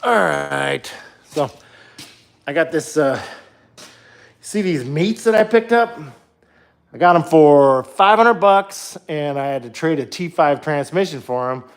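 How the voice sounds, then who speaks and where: A Minnesota man in his thirties with a Minnesotan accent livestreams from his home garage as he builds a truck, rambling casually and poking fun at himself while talking into his phone. His voice is fairly high and gravelly, slow with long pauses. He holds the phone at arm's length, then sets it down farther away.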